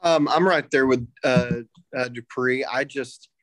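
A man co-hosting a casual podcast chat, speaking haltingly as he thinks out loud. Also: medium pitch, steady tone, no echo. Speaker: podcast co-host.

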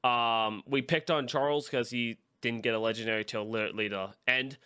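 Bright-voiced man chatting about games. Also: medium pitch, steady tone, brisk, clear, resonant tone. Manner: rambling, filler-heavy game opinions. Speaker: podcast co-host. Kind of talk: casual chat.

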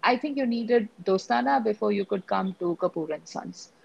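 A woman's voice: medium pitch, normal speed, creaky, darkish tone, slightly rough, muffled recording. A woman with an Indian accent in casual, opinionated conversation about films, as a co-host. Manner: opinionated, switches between English and Hindi. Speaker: podcast co-host discussing films. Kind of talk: casual conversational film discussion.

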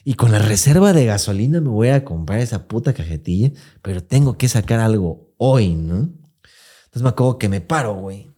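Young Mexican podcast host, low-pitched and mellow, swears freely while telling a story. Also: male voice, lively intonation, a little fast, slightly rough. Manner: profane, slangy storytelling with many filler words. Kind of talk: casual podcast chat.

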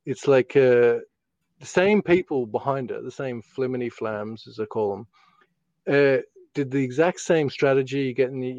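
Broad Australian bloke, sweary and slangy. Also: male voice, mid-range voice, darkish tone, dry recording, highs cut off. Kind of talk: casual chat, rambling storytelling.

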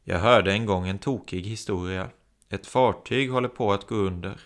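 A man preaching a sermon, telling stories and acting out the voices in them. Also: on the low side. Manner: storytelling, acting out quoted voices.

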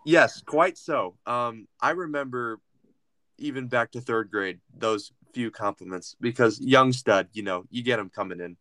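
A man's voice: mid-range voice, a little slow, a bit bright, dry recording, clean studio sound. A man co-hosting a comedy talk show, speaking in a pompous, mock-formal, old-timey way. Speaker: podcast co-host. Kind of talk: comedic banter.

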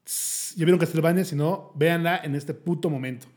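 A man's voice: fairly high pitch, a little fast, a little mellow. A man with a Mexican Spanish accent co-hosting a podcast, rambling casually with slang and repeated words. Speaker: podcast co-host. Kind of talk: casual chat.

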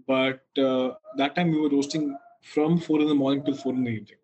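A man's voice: mid-range voice, level tone, fairly quick, darkish tone, rough recording. A man with a North Indian accent talking casually as an interview guest, telling things in a reflective, hesitant way. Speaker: guest, coffee roaster.

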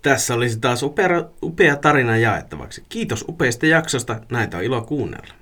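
A giggly man with lively pitch. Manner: giggly, breaks into laughter while reading. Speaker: podcast co-host. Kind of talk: casual podcast chat and listener story reading.

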